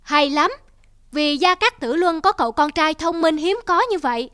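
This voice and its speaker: A woman's voice: sits high, moderate pace, dry recording, studio quality. A woman voicing an emperor in a children's cartoon, speaking in a commanding, pleased way. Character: jovial old emperor. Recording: loud music bed behind voice.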